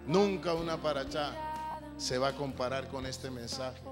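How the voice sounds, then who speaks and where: A man preaching a sermon, theatrical, swinging from shouts to mocking asides. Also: mid-range voice, measured pace. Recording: long hall reverb with loud music. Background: music.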